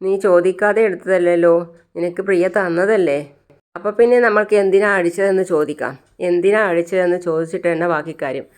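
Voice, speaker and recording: A woman voicing a gentle, protective young mother in a storybook tale. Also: on the low side, fast, natural voice. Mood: concerned.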